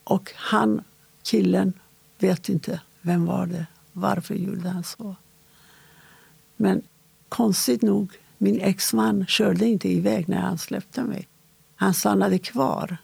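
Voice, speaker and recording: A woman interviewee recounting a personal story in a halting, measured way, with short pauses. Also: mid-range voice, fairly even intonation, creaky, darkish tone, husky, dry recording.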